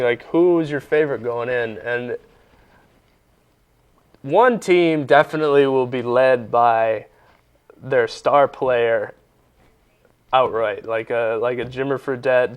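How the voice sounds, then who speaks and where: A man's voice: medium pitch, smooth. Joking young man co-hosting sports talk. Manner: joking, teasing, sarcastic. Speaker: sports show co-host. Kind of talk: casual sports talk banter.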